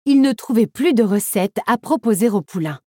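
A woman narrates a children's storybook with a very animated, melodic delivery. The recording is dry and close, with no room sound. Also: on the high side, moderate pace, dry recording.

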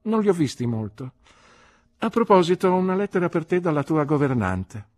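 A man reading an audiobook, voicing a jovial, careless young gentleman who talks in a teasing, breezy way. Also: on the high side, big pitch swings, moderate pace, voice pushed up.

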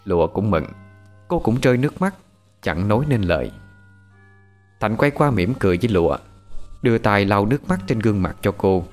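A man narrating a ghost story in a measured, dramatic way. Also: lowish voice, animated, a little mellow, faint music behind.

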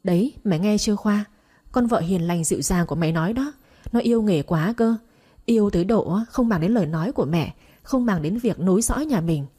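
A woman voicing a sharp-tongued, mocking middle-aged sister-in-law in a read-aloud story. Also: medium pitch, husky, natural voice. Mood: sarcastic. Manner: mocking, scolding, quick jabs.

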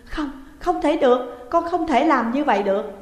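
A woman's voice: high-pitched, expressive, moderate pace, voice pushed up. A woman voicing a nineteen-year-old daughter who pleads through tears with her parents. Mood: sobbing, pleading. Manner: tearful, pleading. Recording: echoey room with long reverb.

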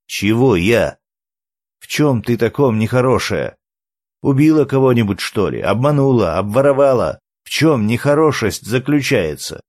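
A man's voice: medium pitch, expressive, normal speed, darkish tone, no echo, voice pushed up, natural voice. A man reading an audiobook, voicing a blunt, practical male character who prods with dry questions. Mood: prodding. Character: blunt, practical red-haired violinist man.

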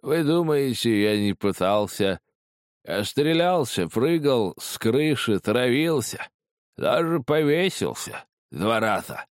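A man's voice: medium pitch, big pitch swings, slow, no room sound, studio quality, pitched above the performer's own voice. A man voicing a drunk, broken old male spy who raves and screams in a trembling, rattling, slightly lisping voice. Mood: manic rambling. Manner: shrieking, raving, trembling voice.

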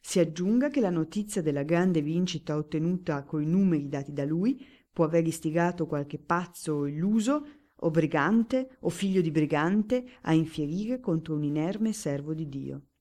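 A woman's voice: low voice, animated, normal speed, hardly any pauses, warm tone. A woman voicing a dry, suspicious lawyer who speaks with emphatic courtroom oratory, in an audiobook reading. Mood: declaiming.

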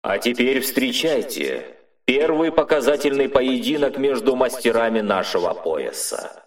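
Narrator doing a male arena announcer, magically amplified voice, roomy and distant, lively formal announcing. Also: mid-range voice, a little slow, voice pushed up. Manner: formal, declaiming announcements to a crowd. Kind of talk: audiobook narration with voiced characters.

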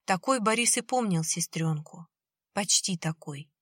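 Slow, measured woman narrator. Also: lowish voice, lively intonation, fairly bright tone, husky, no echo, clean studio sound. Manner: measured, suspenseful reading. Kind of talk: scripted audiobook narration.

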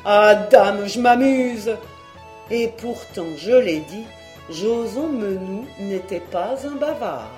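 A woman reading a classic novel aloud as an audiobook narrator, in a steady storytelling delivery. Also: mid-range voice, echoey room.

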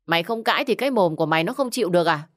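A woman's voice: lowish voice, animated, racing, close to an everyday voice. A woman voicing a rude, stingy middle-aged village man who scolds curtly. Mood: scolding. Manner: scornful, scolding, curt.

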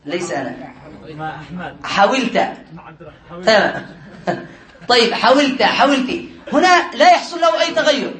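Man, very high voice, classroom teacher, step-by-step explanation, quizzes students, echoey room. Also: expressive, brisk, long pauses, a bit bright. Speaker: teacher of Arabic morphology. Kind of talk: classroom lesson.

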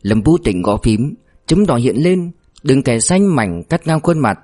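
Male audiobook narrator, mid-pitched. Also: unhurried. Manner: steady, storytelling. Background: faint music.

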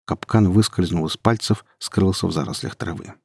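A young man narrating a first-person story in a measured, low-key way. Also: vocal fry, darkish tone, husky, dry recording, studio quality. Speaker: audiobook narrator.

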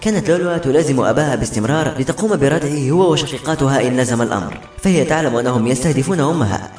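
A man narrating a fantasy novel as an audiobook in brisk, dramatic storytelling. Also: medium pitch, animated, a little mellow. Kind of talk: scripted narration. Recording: roomy echo, faint music behind.

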